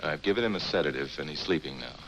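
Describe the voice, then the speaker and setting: An actor playing a desperate ship's doctor, urgent and insistent, in an old film. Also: male voice, a bass voice, expressive, fast talker, gravelly, a bit bright, a little hiss or hum, exaggerated voice. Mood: clinical. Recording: dull old VHS tape with film music.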